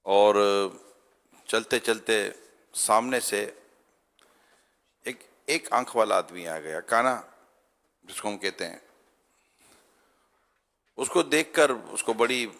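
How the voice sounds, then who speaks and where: A man's voice: on the low side, pauses often. A male religious scholar giving a storytelling talk, acting out the characters' voices as he goes. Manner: animated storyteller who acts out voices. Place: studio. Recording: studio with long reverb.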